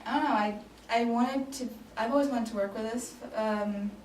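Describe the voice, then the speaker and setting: Her pitch is fairly high and her intonation fairly even, at a normal speed; she is a Danish woman in her late twenties. In a casual pretend job interview she replies hesitantly, often saying um and starting over. The recording has room echo, a distant mic and faint noise.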